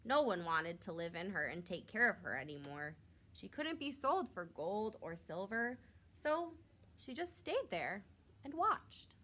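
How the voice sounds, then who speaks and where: A woman with a mid-range voice reads a picture book aloud to young children like a teacher, unhurried, bright, and forceful, with big swings in pitch. She reads expressively and adds short, simple asides.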